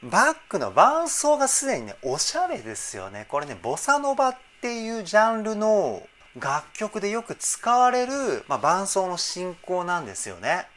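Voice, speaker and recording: A male vocal coach talking enthusiastically as he breaks down a song, pausing to try out the parts himself. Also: sits high, a bit bright, a little hiss or hum. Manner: enthusiastic, explains while trying out sung examples. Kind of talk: reaction and vocal analysis talk.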